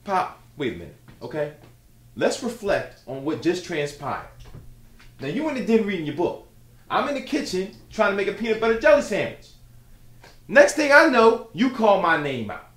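An actor playing an exasperated young college-age son who argues back at his father, fast and loud at times. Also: high voice, big pitch swings, echoey room. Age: young adult. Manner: fast, argumentative, loud outbursts. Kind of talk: comedy sketch acting.

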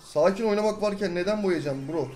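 Talking fast over faint background music, a young man who makes gaming videos on YouTube gives excitable, chatty commentary on his gameplay. His volume jumps between low muttering and yelling.

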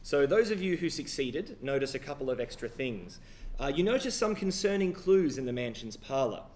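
A man with an Australian accent who narrates a tabletop horror game as game master, in a measured, descriptive way. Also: mid-range voice, big pitch swings, darkish tone, slight background noise.

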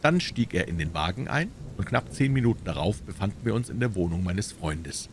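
A man reads a classic tale aloud in a relaxed, calm way, his low voice rising and falling expressively. A soft ambient soundscape murmurs faintly behind him. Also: brisk, a little hiss or hum. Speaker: audiobook reader. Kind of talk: relaxed audiobook narration.

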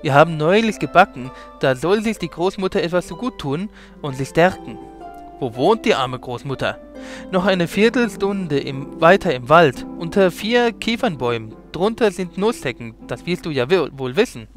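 A man's voice: on the high side, lively intonation, moderate pace, soft background music, lightly acted. Innocent storybook boy, earnest, read by a man. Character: innocent little boy on his way to grandma.

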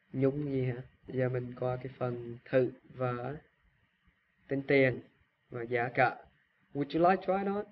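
A man with a Vietnamese accent runs a casual phrase lesson, repeating lines and explaining them with halting restarts. His voice sits at a middle pitch. The recording is a little dull, with a faint hiss behind it. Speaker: English teacher.

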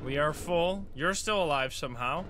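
A man's voice: fairly high pitch, normal speed. A man livestreaming a video game with casual, reactive commentary, joking and talking back to the game. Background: loud game music.

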